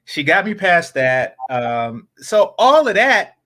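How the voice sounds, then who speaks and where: Speaking slowly in a sing-song way, a man chats casually on a podcast, rambling with many fillers and restarts. Now and then he sinks into low, quiet asides.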